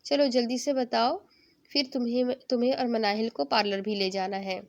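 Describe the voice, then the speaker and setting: A woman's voice: fairly high pitch, little pitch movement, natural voice. A woman reading a teasing, caring older brother who speaks fondly to his sister.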